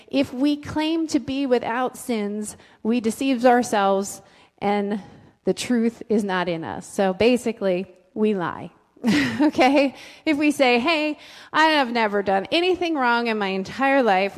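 Woman pastor, middle-aged, slow deliberate sermon, highish voice, handheld mic, echoing church hall. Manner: conversational, asks the congregation questions. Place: church sanctuary with a stage. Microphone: handheld mic, filmed from the back of the room. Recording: long reverb of a church hall.

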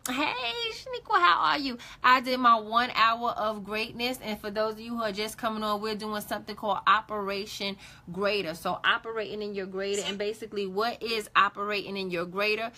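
A woman hosting a motivational livestream, greeting viewers and giving an energetic, preacherly pep talk with lots of repetition. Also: medium pitch. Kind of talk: live-stream pep talk.

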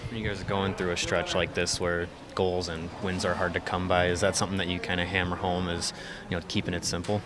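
A man's voice: sits low, level tone, fast, crowd noise. A male reporter asking long, rambling postgame interview questions.

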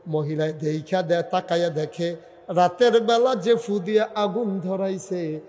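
A man, preaching a storytelling sermon in a sing-song style that swells into wailing shouts. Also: high-pitched, steady tone, measured pace, in a large hall.

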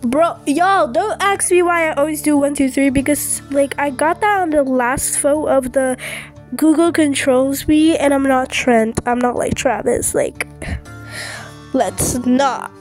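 A woman's voice: high voice, unhurried, faint music behind. A woman hosting her gaming channel, giving chatty, rambling commentary over gameplay and restarting her sentences often.

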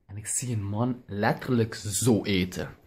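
A man's voice: lowish voice, a little slow, a little mellow, breathy edge. A young man telling a comic rant as a vlogger, exaggerated and theatrical. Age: young adult.

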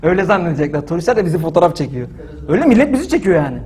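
A man telling a story in casual talk, animated and indignant, acting out the lines of the people in it. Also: on the high side, very fast, slight background noise. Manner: animated, acts out quoted dialogue with frequent "dedim"; indignant and emphatic.

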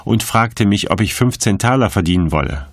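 A man voicing a desperate, defiant male prisoner who shouts and pleads in a raised, strained voice. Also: lowish voice, lively intonation, a little fast, no room sound, clean studio sound. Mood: pleading.

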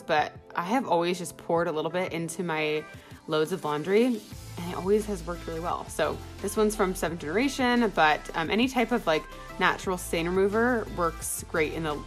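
A young woman with a slightly low voice narrates her housework in an easy, chatty way. She fills her talk with little "like"s, and soft music plays faintly behind her. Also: moderate pace. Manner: chatty, friendly, filler words like "like". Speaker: home vlogger. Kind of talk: casual voice-over narration.

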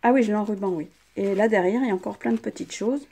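Gushing older woman with a gravelly voice. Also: medium pitch, quick pace, warm tone. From France. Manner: gushing, chatty, exclaiming. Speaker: craft channel host. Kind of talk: casual unboxing chat. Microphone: phone.

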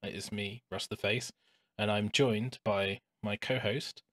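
A man's voice: fairly low pitch, a little slow, no echo. A man hosting a podcast from his home hobby room, chatting casually with lots of fillers and restarts. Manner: relaxed and chatty, with frequent "um" and restarts. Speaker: podcast host.

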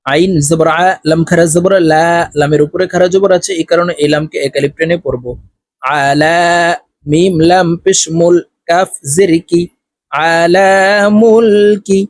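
This Quran reading lesson comes from a man whose slightly high voice holds a steady tone, recorded without any room sound. He spells out letters and vowels one by one, then intones the words in a slow, stretched chant, interspersed with brisk explanations.

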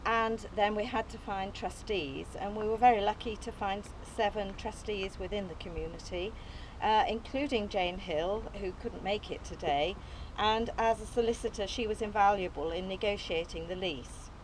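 A distant camera with no mic picks up an older Englishwoman reading her opening speech from notes outdoors on an open field site. As the allotment group's founder, she speaks in a mid-range voice at a moderate pace, earnest and modest, with little hesitations and light laughs, over slight background noise.

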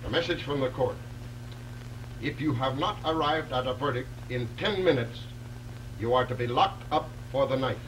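An actor playing an impatient, scornful juror in an early talkie film, brusque and sardonic. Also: male voice, medium pitch, normal speed, natural voice. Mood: formal. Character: impatient, scornful male juror bullying a holdout. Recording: distant, faintly noisy 1920s film soundtrack.

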